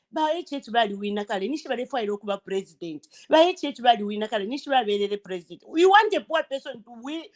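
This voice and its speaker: A woman giving an indignant, emphatic opinion on a discussion podcast. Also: high voice. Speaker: panel commentator.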